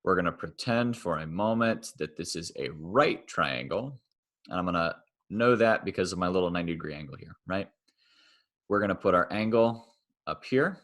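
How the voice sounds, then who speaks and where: Low-voiced man teaching math. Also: animated, moderate pace, a bit bright. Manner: casual, self-correcting, thinks aloud while drawing. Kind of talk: recorded online math lecture.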